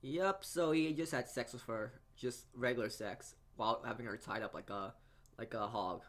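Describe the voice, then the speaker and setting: A let's-player reads a visual novel aloud, stumbling often over the lines and tossing in his own asides. His voice is medium-pitched with a fairly bright tone, and the reading comes out halting.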